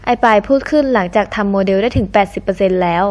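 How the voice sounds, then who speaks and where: A woman narrating a scripted audio novel in an even, storytelling way. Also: mid-range voice, rapid-fire.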